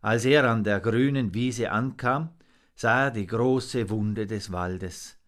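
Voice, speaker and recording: A man narrating a storybook in an expressive, measured reading. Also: lowish voice.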